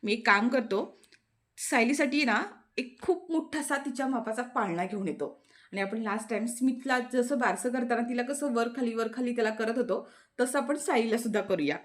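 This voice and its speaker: A woman's voice: fairly high pitch, normal speed, lightly acted. A playful young man teases with a silly suggestion, voiced by a woman narrator. He sounds light and mocking. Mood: teasing. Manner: teasing. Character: joking young man, family member.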